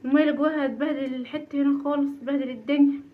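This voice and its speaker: Fast-talking Egyptian mom vlogging at home. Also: female voice, high voice, fairly even intonation. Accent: Egyptian Arabic. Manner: chatty, self-mocking, nervous laughter. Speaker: vlogger, mother. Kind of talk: casual home vlog. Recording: dull lo-fi home recording.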